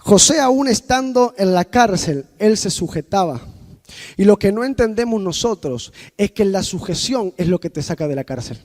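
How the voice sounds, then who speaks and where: Male preacher with a very high voice, impassioned sermon delivery that rises to shouts and drops to near-murmurs, speaking straight to the congregation. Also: lively intonation, moderate pace. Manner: impassioned, swinging between loud outbursts and quiet asides; personal storytelling addressed to the congregation.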